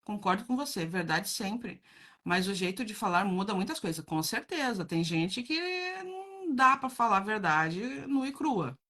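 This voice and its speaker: A woman chats casually with her viewers in a blunt, direct way and laughs easily. Her voice is bright and sharp, and her pitch swings widely as she talks. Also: big pitch swings, moderate pace. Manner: blunt, frank, laughs often, addresses viewers as gente. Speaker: host reading viewer comments. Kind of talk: casual live chat.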